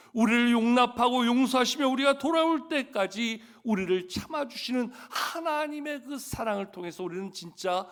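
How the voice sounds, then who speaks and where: High-voiced man preaching a Sunday sermon. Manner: storytelling, asks the congregation rhetorical questions. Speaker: pastor. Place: church service.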